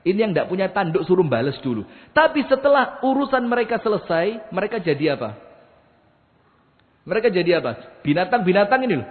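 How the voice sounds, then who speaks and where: A man's voice: sits high, big pitch swings, fairly quick. A man preaching a mosque sermon, telling stories, acting out quotes and chanting verses. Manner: storytelling, acts out quotes, chants Quran verses. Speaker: Islamic preacher. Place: mosque hall. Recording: echoey hall over a tinny line.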